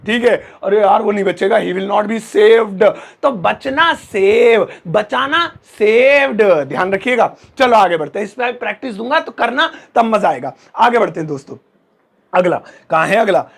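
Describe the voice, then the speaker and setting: High-voiced, gravelly male teacher. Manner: lively, playful, drawn-out example phrases. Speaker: English teacher. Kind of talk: casual spoken lesson.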